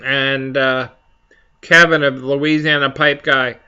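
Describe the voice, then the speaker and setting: A man hosting a casual, rambling chat for viewers, speaking haltingly as he searches for his words. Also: medium pitch, level tone, bright, forceful tone, clean tone, lo-fi sound. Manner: halting, slow to find words. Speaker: pipe hobby video host.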